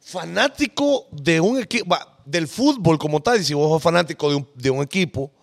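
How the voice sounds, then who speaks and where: A man's voice: on the high side, animated, moderate pace, gravelly. A man co-hosting a podcast, chatting casually in slang and talking over the others. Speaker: podcast co-host. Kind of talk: casual chat.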